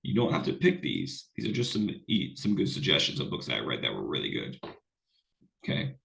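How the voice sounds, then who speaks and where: Low gravelly guy teacher, sick and rambly, voice swings all over. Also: very animated, brisk, fairly bright tone. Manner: casual, rambling with fillers and restarts. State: unwell, voice sounds off. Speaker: college English instructor. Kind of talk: recorded online lecture.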